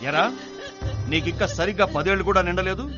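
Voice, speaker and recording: A man's voice: high voice, steady tone, fast, dull audio, over music, close to an everyday voice. A man playing a stern scolding magistrate father. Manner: harsh, scolding. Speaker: film actor. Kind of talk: dubbed film drama.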